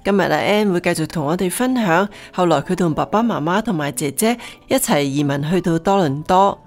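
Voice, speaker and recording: Female radio host, low-pitched, measured and friendly, faint music bed. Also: lively intonation, a little mellow. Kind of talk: scripted program introduction and interviewing.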